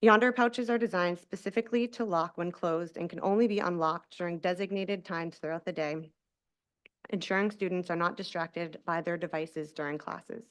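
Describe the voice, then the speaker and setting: A woman's voice: lowish voice, fairly even intonation, moderate pace. Woman reading a formal prepared statement. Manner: formal, read-aloud delivery. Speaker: public commenter. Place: school board meeting room.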